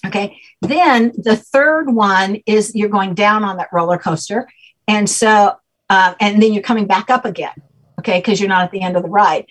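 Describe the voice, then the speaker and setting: Heard in a rough recording, this woman has a mid-range voice and a moderate pace. As a guest, she teaches a name system through long explanations in conversation, patiently checking comprehension with frequent "okay?"s.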